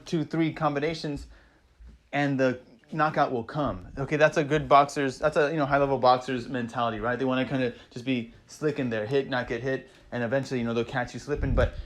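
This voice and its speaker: A man casually recapping fight results, excitable and rambling, swearing freely and peppering his talk with "man" and "you know". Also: medium pitch. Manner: acts out fighters' thoughts in quoted asides. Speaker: MMA vlogger recapping fights.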